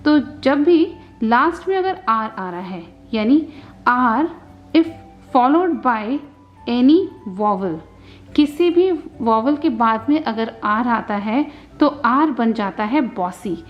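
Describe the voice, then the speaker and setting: Slow, patient Indian woman teacher. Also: a little high, expressive, muffled recording, faint music behind. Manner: sounds out letters slowly, mixes English in. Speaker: phonics teacher. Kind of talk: slow patient phonics lesson.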